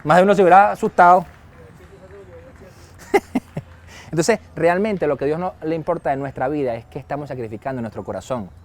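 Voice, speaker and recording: Man, pastor, high voice, lively sermon, acted-out dialogue. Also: a little fast, long pauses. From Venezuela. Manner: lively, acts out quoted dialogue and chuckles often.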